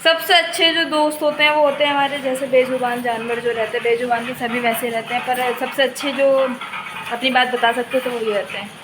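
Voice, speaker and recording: A young woman vlogging at home into her phone, talking casually to her viewers in a high voice. She sounds tired and unwell. Faint household noise sits under her voice. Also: level tone, brisk. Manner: chatty, laughs often, talks to viewers and to a cow. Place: indoors and in yard of a home.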